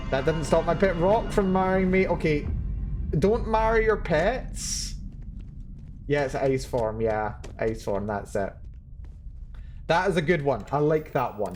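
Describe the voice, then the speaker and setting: A man streaming a video game from his seat indoors, chatting casually and musing aloud on tangents as he plays. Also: a little high. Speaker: let's play streamer. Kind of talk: live gameplay commentary.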